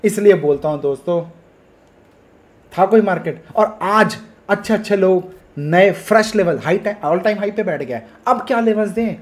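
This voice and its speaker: A stock market trading educator speaks at normal speed in a high-pitched, animated voice, giving energetic market commentary to camera. He hosts a trading channel, sounds hyped and emphatic, mixes in English, and pleads with viewers.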